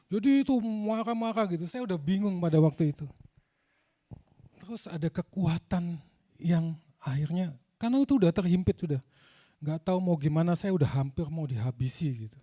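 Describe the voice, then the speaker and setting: Preacher guy, a bit high-pitched, chatty sermon storytelling. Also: moderate pace, dark tone. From Indonesia. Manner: conversational, addresses the congregation, frequent filler "gitu".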